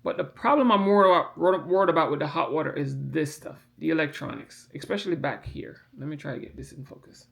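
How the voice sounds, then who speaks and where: A man's voice: on the high side, quick pace, gravelly, few pauses, a bit bright. A man casually explaining a printer part as he handles it, rambling, repeating himself and stressing key points. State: yawning from medication. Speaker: hobbyist explaining printer repair. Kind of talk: casual hands-on demonstration.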